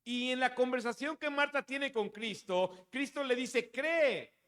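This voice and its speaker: A man's voice: very high voice, unhurried, a bit bright, smooth. A man preaching a sermon in a church, reading scripture and then calling his listeners "brother" as he presses his point. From Mexico. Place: church hall. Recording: long hall reverb.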